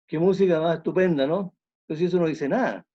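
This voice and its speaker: An orchestra conductor gives an online music talk in a fairly high voice, speaking a bit quickly. He explains things thoughtfully, repeating phrases as he works through his ideas, and the sound quality is lo-fi.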